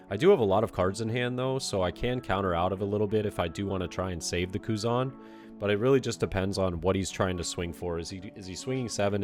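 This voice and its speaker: With a deep, low, stuffed-up voice, a young man narrates a card game he's playing, loose and relaxed, leaning on lots of "you know" and "uh." He sometimes calls out his own mistakes as the recorded match unfolds over quiet, soft music.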